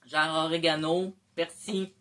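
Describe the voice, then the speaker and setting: A woman with a Québécois French accent casually hosts a snack tasting, crunching on chips while she chats. Her low voice is flat, unhurried and a bit bright.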